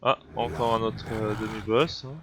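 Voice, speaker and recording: A sick gameplay creator, clearly down with a cold, talks his way through a video game in a lowish, fairly even voice at normal speed. He's hesitant and keeps restarting, leaning on fillers as he puzzles things out. It's casual commentary recorded noisily at home.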